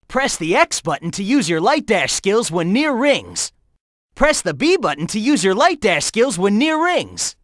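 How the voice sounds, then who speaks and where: A cocky young hedgehog hero from a video game, breezy and upbeat as he coaches the player along. His voice swings up and down with lively pitch, recorded close on a studio mic, dry with no room sound. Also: no echo, heavily acted.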